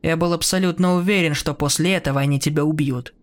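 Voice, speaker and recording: A man's voice: a little high, fairly even intonation, quick pace, natural voice. A man voicing a cold, taunting adult brother who mocks his sibling in a horror story reading. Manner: mocking and sneering.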